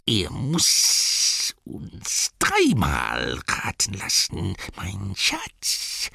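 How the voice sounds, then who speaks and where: Hissy whispery cave creature, drawls then squeaks, rough and raspy, dry booth sound. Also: male voice, wildly swooping pitch, bright, forceful tone, dry recording, heavily acted. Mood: agitated hissing. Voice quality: hissing, whispery, gravelly. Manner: drawn-out words, sudden squeaky jumps. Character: slimy, hissing cave creature, sly and hungry. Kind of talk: audiobook character voice.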